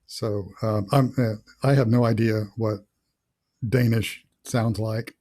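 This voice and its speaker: A man's voice: lowish voice, steady tone, takes it slowly, darkish tone. A middle-aged man, an author hosting a casual interview over a video call, thinking aloud with many fillers. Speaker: author and host.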